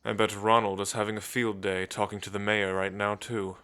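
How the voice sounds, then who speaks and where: A man voices a refined, gentle vampire centuries old in an intimate ASMR roleplay, using measured, old-fashioned phrasing with thoughtful pauses. His voice sits lowish, clean in tone and flat in delivery, with a brooding, wistful mood.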